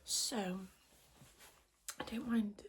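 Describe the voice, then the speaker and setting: A woman podcast host whispering in a hushed, quiet voice so as not to wake anyone, chatting casually in a rambling, self-deprecating way. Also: mid-range voice, steady tone, drawn-out words, a little hiss or hum. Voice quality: whispered, breathy voice. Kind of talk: casual chat to podcast viewers.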